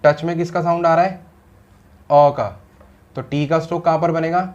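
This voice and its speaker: A man's voice: on the high side, level tone, moderate pace, darkish tone, highs cut off. A man teaching shorthand in a classroom style, explaining step by step and asking rhetorical questions, mixing Hindi with English terms.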